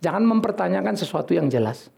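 A man preaching a sermon in an animated, scolding and joking way, with sudden loud bursts. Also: high-pitched, fast talker, gravelly. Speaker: pastor.

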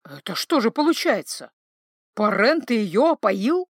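A woman's voice: a little high, sing-song, measured pace, dry recording, clean studio sound. A woman voicing a worried, devoted older butler who speaks hesitantly and pleadingly. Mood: alarmed.

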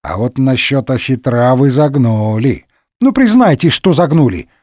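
A man voicing an excitable young Gascon musketeer in a comic audiobook. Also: medium pitch, unhurried, dry recording, studio quality, lightly acted. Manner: excitable, exclamatory.

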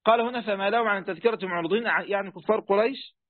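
This is a classroom lesson on a religious text, led by a man who teaches Quran commentary with an Egyptian Arabic accent. He sounds high-pitched and very quick, and the sound is phone quality. His style is chatty, full of questions for the students and lots of filler words.

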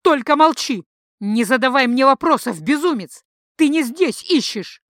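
A woman's voice: high voice, sing-song, normal speed, fairly bright tone, dry recording, clean studio sound, pitched above the performer's own voice. A woman reading a mad blind priestess in an audiobook, a flirtatious, erratic woman who swings between coy teasing and shrieked prophecy. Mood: shrieking prophecy.

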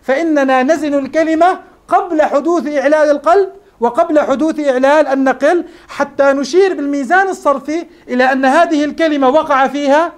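A man's voice: very high voice, fairly quick. A man teaching morphology in a classroom lecture, explaining step by step and asking his students questions.

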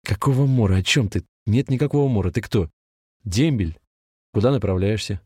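A man's voice: lowish voice, moderate pace, darkish tone, slightly rough, dry recording, clean studio sound. A man voicing an irritated, dismissive stranger who is secretly a sinister tempter. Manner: irritated, scornful, curt.

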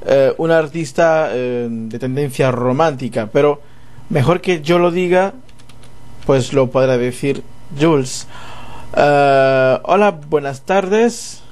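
A man's voice: on the high side, slow pace, darkish tone. A man hosting a radio interview, rambling and restarting his questions as he goes. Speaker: radio show host.

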